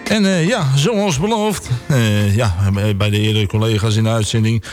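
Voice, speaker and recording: A man's voice: medium pitch, normal speed. A man hosting a local radio show, introducing a song and a phone guest with many hesitant fillers. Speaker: radio host. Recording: radio studio with music underneath.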